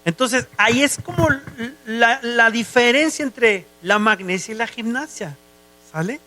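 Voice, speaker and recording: A man's voice: very high-pitched, expressive, unhurried, sharp tone. A man with a Mexican accent preaching a sermon as a guest, who often checks whether listeners follow him.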